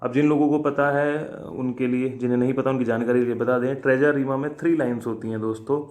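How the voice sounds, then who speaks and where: A man's voice: medium pitch, steady tone, a little mellow. Man teaching exam questions. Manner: addresses viewers as friends, reads English questions slowly then explains in Hindi. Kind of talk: exam-prep lesson, solving questions.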